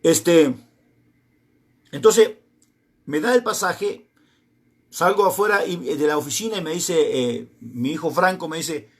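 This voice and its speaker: A man's voice: on the high side, measured pace, long pauses. A middle-aged man with an Argentine accent preaching a sermon, telling a personal testimony and acting out both sides of the conversations in it. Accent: Argentine Spanish.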